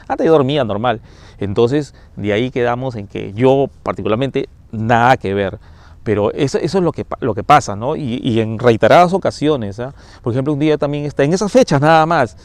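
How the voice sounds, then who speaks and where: Speaking in a medium pitch with no room sound, a firefighter paramedic recounts a ghost story that happened to him, on camera and in first person. He dramatizes scenes using sound effects and small asides.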